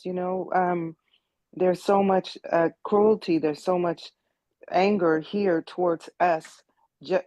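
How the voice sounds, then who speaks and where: An American woman in her sixties gives earnest personal testimony during an online meeting, repeating words as she gathers her thoughts. Her voice sits on the low side with a dark tone, dry with no echo, though the audio quality is poor.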